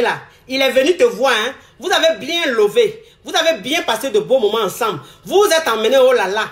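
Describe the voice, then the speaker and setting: A woman's voice: a little high, reverberant. A woman giving frank relationship advice in a talk monologue, repeating her phrases for emphasis and acting out the lines she quotes. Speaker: advice speaker.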